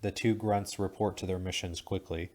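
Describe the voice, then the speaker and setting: A man narrating an audiobook in a steady, measured reading. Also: deep voice.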